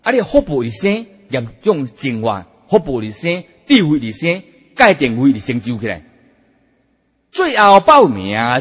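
A man preaching a Buddhist sermon, emphatic and animated, drawing out his sentence-end particles. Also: mid-range voice, husky. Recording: dull, echoey hall sound.

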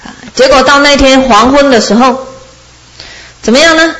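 A woman giving a Buddhist dharma talk, telling a story in a lively way and often laughing as she speaks. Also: sits high, moderate pace, poor audio. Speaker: Buddhist teacher.

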